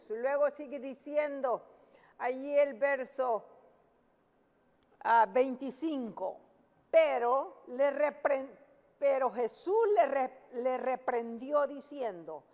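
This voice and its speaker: A high-pitched woman preacher delivers a fervent evening devotional at an unhurried pace. She prays and reads scripture aloud, often repeating her phrases. Her voice rings with a long reverberant tail from the hall. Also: a little mellow. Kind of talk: evening devotional sermon with prayer.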